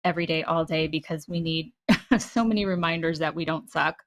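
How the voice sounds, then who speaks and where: A woman's voice: low voice, brisk. A woman co-hosting a podcast, asking rambling, curious questions full of fillers. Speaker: podcast co-host. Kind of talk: conversational interview.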